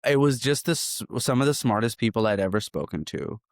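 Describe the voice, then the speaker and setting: A man from Hong Kong, a startup founder, speaking as an interview guest in a relaxed, reflective way and often repeating phrases. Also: medium pitch, a little fast, no room sound, clean studio sound. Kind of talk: casual interview.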